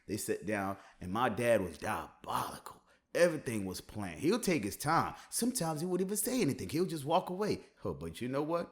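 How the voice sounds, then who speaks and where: A man chats through a reaction video in a loose, conversational way. His voice sits mid-range for a man but moves a lot, rising when he gets excited. He laughs easily between his thoughts. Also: medium pitch, brisk. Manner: animated, laughing, chatty. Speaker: reaction host. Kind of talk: casual reaction commentary.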